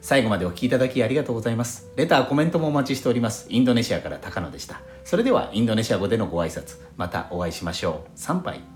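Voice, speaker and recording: A man from Fukushima hosting a solo audio podcast, talking in a calm, measured way. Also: mid-range voice. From Fukushima, Japan. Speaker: podcast host. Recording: roomy sound with faint background music.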